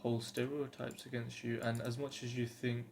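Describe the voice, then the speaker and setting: A British man in his twenties, working as a vlogger, talks to the camera in a casual, earnest way that's hesitant and rambling. His voice is medium-pitched, creaky and a little mellow, with little pitch movement and a normal speed. Faint background noise can be heard.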